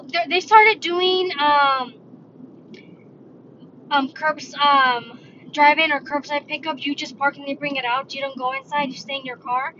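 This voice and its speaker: A bright, high-voiced woman talks on her own in a loose, rambling way, often stopping to correct herself mid-sentence. She sounds like she is recording from her car. The audio is dull and lo-fi, with a faint hiss of noise behind her. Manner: rambling, self-correcting, chatty. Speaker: podcast host. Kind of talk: casual solo talk.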